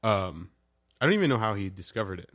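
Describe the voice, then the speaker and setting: A man's voice: fairly low pitch, fast, dry recording, clean studio sound. A young man co-hosting a podcast, telling a story in casual chat and laughing through it. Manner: laughs through his stories, profane and animated. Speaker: podcast co-host.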